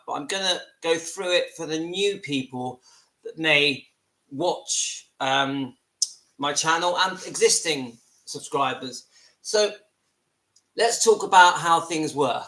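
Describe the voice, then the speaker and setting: A man's voice: on the high side, takes it slowly, bright, forceful tone, reverberant, rough recording. A man in his fifties with a West Country English accent, talking earnestly and a little self-deprecatingly to viewers from his home in a casual live video. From southwest England. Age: 50s. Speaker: vlogger. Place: at home, seated.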